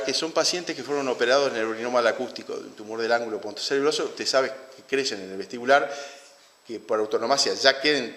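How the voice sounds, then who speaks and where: A man with a Uruguayan Spanish accent giving an academic lecture, halting and restarting his phrases often. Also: mid-range voice, a bit bright. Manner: halting, with frequent restarts and fillers. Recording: roomy hall with long reverb.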